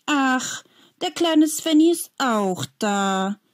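A woman's voice: medium pitch, expressive, measured pace, a little mellow. A woman voicing a sulky, mocking boy who grumbles and teases in a children's story. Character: older boy, mocking bully, sulky and gruff.

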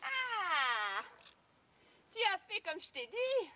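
A woman's voice: very high voice, sing-song, drawn-out words, sharp tone, pitched above the performer's own voice, full character voice. A woman telling a fairy tale to listeners while voicing a scheming old female witch. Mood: gloating.

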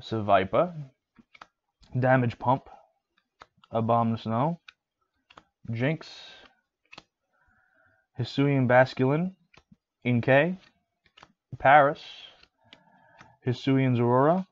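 A man's voice: mid-range voice, drawn-out words, long pauses, no room sound, muffled recording. A man live-streaming as he opens trading card packs, chatting casually and listing card names with fillers and restarts.

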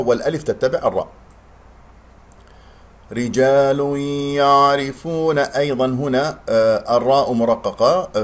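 A man teaching tajweed. He explains pronunciation rules quickly, then recites words slowly and drawn out. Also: medium pitch, a little mellow, breathy edge.

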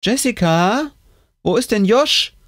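A man voicing a sharp, mocking female schoolteacher who speaks in a snide, teasing way. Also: high-pitched, expressive, slow pace, no room sound, studio quality, voice pushed up, full character voice.

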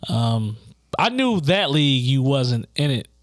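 Guy on a drinking podcast going on and on, voice jumps all over, bright and dry. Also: mid-range voice, a little slow, no room sound. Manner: animated, rambling with many "like" fillers. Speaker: podcast co-host. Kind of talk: casual chat among friends.

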